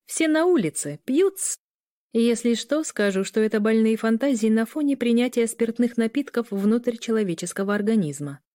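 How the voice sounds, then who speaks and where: A woman's voice: fairly high pitch, expressive, moderate pace, dark tone, no room sound, studio quality, natural voice. A woman voicing a cheeky, flippant young man who jokes glibly.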